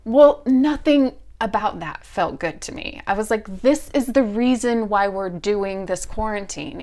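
A woman podcast host telling a story in a casual way, acting out both sides of a quarrel with lively energy. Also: medium pitch, vocal fry.

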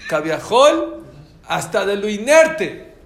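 A man's voice: high voice, slow pace, reverberant. A man with a Mexican Spanish accent teaching a religious class, telling stories and quizzing his listeners. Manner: animated, quizzes the audience.

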